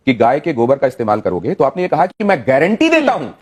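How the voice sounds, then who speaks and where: A man's voice: mid-range voice, huge pitch swings, fast. A man moderating a TV debate, pressing with insistent questions and cutting in. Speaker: debate show anchor.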